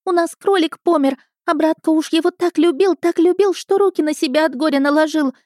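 A shrill, wailing young boy who gabbles out fake sobs as he begs for help, as a woman reader puts him on. The voice leaps very high, a mellow tone over a dry, close sound in a storybook telling. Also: a little fast, dry recording. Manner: wailing, gabbling, theatrical sobbing. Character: whiny scheming street boy feigning grief.

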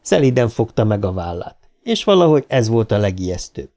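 A man's voice: sing-song, mellow. A man reading a novel aloud as an audiobook, with tense, dramatic narration that rises with the story. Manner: tense, pitch rising with the drama. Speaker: audiobook reader.

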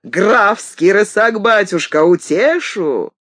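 A brash, bragging cabbie , put on by a woman reader, hawks his racing trotter in slow, drawn-out calls. His voice leaps up and down as he talks himself up. It is a storybook reading heard close and dry. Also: fairly low pitch, huge pitch swings, a bit bright, husky, no room sound, full character voice. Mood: boastful. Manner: boastful hawking patter.

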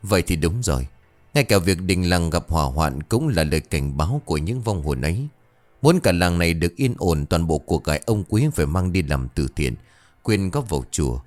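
A man voicing a stern old male village exorcist who speaks in a calm, instructive way, in an audio ghost story. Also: deep voice, brisk, soft background music. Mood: grave counsel.

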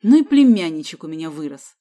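A woman voicing a short-tempered middle-aged man who snaps and scolds loudly. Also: low-pitched, sing-song, a little fast. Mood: scolding. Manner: snapping, scolding, loud.

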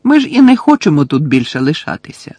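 A man voicing an unflappable teenage prankster boy who talks calmly and teasingly. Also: a little high, fast talker, slightly rough, no room sound, pitched above the performer's own voice, exaggerated voice.

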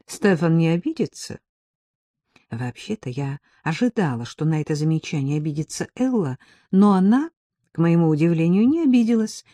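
A woman narrates a first-person audiobook in a low, husky, mellow voice. Her delivery is steady and even. The sound is dry and close, with no room around it. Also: a little fast, no echo.

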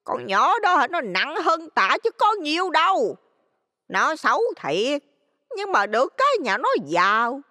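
Woman doing a shrill loan-shark dame. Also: sing-song, unhurried, pushed and bright, dry recording, studio quality, in a large hall, heavily acted. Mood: mocking. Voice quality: shrill, piercing. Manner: scolding, mocking, abrupt pitch swings. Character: shrill greedy middle-aged female village loan shark.

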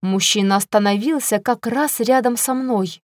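A woman narrating a first-person fantasy audiobook in a measured storytelling manner, close to the microphone. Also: on the high side, no room sound.

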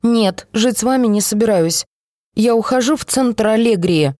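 A little one-armed girl in an audiobook, her voice lifted high and pleading, close to tears and defiant at once, as a woman narrator puts her on. The voice is dry and close, with no room around it. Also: normal speed, warm tone, no room sound, close to an everyday voice. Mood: indignant.

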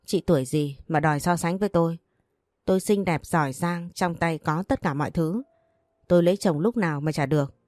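A woman voicing a spoiled, sharp-tongued young sister-in-law in an audio story, mocking and boastful. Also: lowish voice, a little fast, no room sound, natural voice. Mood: scornful.

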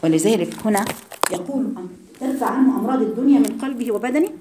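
A woman's voice: fairly high pitch, fast, noisy background. A woman teaching a Quran lesson to women, speaking Egyptian Arabic with impassioned rhetorical questions. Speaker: religious teacher. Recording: echoey hall from far off.

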